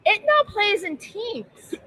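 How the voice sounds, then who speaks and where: A woman's voice: extremely high pitch, very animated, takes it slowly, pushed and bright, poor audio. A woman hosting a live board game stream at a convention, upbeat and enthusiastic as she leads the talk. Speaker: board game channel host. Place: convention center.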